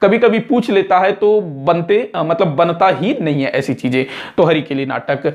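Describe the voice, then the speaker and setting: A man's voice: fairly high pitch, normal speed, muffled recording. A man teaching a history lesson for exam students, talking conversationally and repeating points for emphasis. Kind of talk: lecture.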